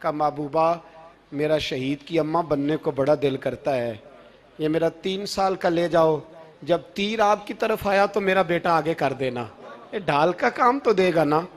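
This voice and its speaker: High-voiced impassioned male preacher. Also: a little slow. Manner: impassioned, rising to shouts. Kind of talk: sermon storytelling.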